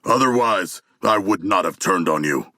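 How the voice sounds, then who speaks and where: An actor voicing a hulking, earnest, battle-hungry shark brute in a video game, with a rough, gravelly voice and formal, articulate, literal-minded diction. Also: male voice, low-pitched, expressive, normal speed, bright, forceful tone, no room sound, studio quality, exaggerated voice. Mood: calm, earnest. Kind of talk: video game character voice lines.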